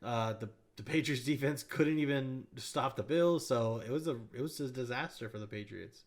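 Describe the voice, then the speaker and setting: A man co-hosting a casual sports podcast, jokey and quick to laugh. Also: mid-range voice. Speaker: podcast co-host.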